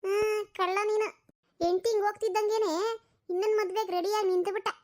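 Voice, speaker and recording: This cartoon voice-acting role has a woman voicing a bossy, mocking mother-in-law type, a sharp-tongued old mother delivering a scornful scolding. The pitch is extremely high yet barely moves, the tone leans darkish, and the pace is fast.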